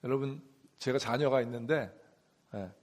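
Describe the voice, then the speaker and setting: In a church sanctuary, a middle-aged pastor with a medium-pitched voice preaches at a moderate pace. His sermon asks the congregation questions call-and-response style and hammers key words in a rhythmic, repeated way.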